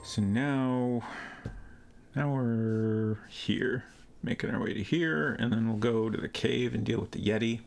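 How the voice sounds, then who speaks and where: A man's voice: medium pitch, a little slow, vocal fry, faint music behind. A man giving casual live commentary as he streams a game.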